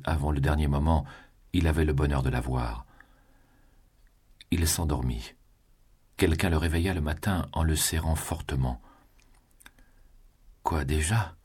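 Very deep, husky male narrator. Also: darkish tone. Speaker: audiobook narrator. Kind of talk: scripted narration of a classic novel.

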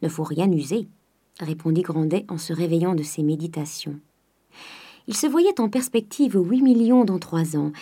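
Mellow-voiced woman reading a classic novel. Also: fairly low pitch, normal speed, slightly rough. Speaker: audiobook reader. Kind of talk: literary audiobook narration.

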